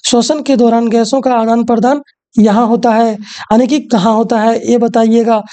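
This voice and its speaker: Woman tutor, kinda high but mellow voice, keeps asking students questions back. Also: fairly even intonation, moderate pace. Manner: repeats rhetorical questions to students. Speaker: teacher. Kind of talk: exam question walkthrough.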